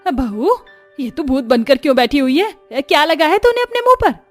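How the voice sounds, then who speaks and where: Woman voicing a stubborn, loud mother-in-law. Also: high-pitched, lively intonation, moderate pace, faint music behind, pitched above the performer's own voice. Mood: wailing, scared. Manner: wails and complains loudly.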